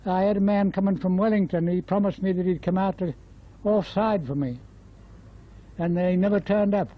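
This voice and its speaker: Old Australian man, nineties, high-pitched voice, rambling repetitive storyteller, dull lo-fi interview tape. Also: normal speed. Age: 90s. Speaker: interviewee, former bush labourer. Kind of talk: casual oral history reminiscence.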